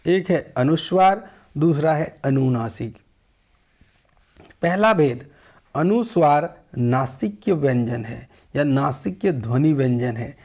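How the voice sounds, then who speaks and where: Male teacher, higher voice, unhurried delivery, patient explaining tone, quizzing his students. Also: darkish tone. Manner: slow, explanatory, asks the class questions. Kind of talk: Hindi grammar lesson.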